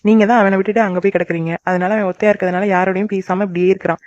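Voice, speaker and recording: Woman doing a caring big sister type, talks super fast, soft-hearted, dry dull sound. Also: mid-range voice, steady tone, dry recording, close to an everyday voice. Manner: rapid, caring, cries easily. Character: cheerful married young woman, soft-hearted elder sister. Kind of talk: cartoon voice acting.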